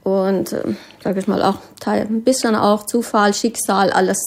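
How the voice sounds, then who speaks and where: A woman's voice: medium pitch, steady tone, normal speed. A woman from Iran, a midwife speaking as an interview guest, hesitant and in phrasing. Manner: hesitant, non-native phrasing. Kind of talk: conversational interview.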